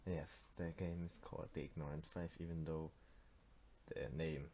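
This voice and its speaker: A teenage Swiss game developer, a native Swiss German speaker with a Swiss German accent, casually walks through his card game in a screen-recorded devlog. His rumbling low voice is dark-toned with little pitch movement and a normal speed, and he sounds hesitant, full of fillers and restarts. There's slight background noise.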